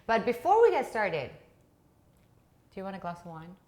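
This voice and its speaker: A woman's voice: medium pitch, wildly swooping pitch, moderate pace, darkish tone. A woman hosting a casual cooking chat in a home kitchen, enthusiastic and full of eager questions. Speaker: host.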